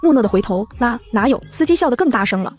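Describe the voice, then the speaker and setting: A woman reading a first-person novel aloud as an audiobook narrator, voicing every character herself in a brisk, even way. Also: a little high, faint music behind.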